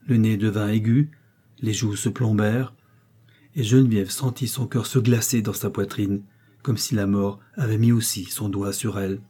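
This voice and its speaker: Male narrator, audiobook of a novel, very dark voice, husky tone, steady expressive reading. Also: lowish voice, moderate pace.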